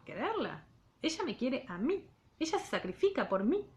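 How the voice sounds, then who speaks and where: A woman's voice: high-pitched, big pitch swings, normal speed, voice pushed up. A woman reading the part of a mysterious young woman aloud from a novel. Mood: pleading. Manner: read aloud softly from a novel.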